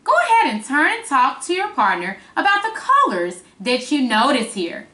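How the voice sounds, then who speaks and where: Animated, high-pitched woman reading to young children. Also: moderate pace. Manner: sing-song, expressive, as if reading to small children; engages children with simple questions. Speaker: kindergarten teacher. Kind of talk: reading a picture book aloud to young children. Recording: roomy, echoing sound.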